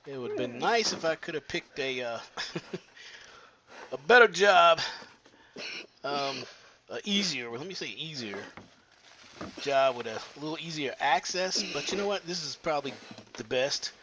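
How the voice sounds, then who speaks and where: A plumber narrates his work as he crawls through a cramped attic, talking in a halting way with many filler pauses. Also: mid-range voice, lively intonation, noisy background. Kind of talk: how-to narration while working.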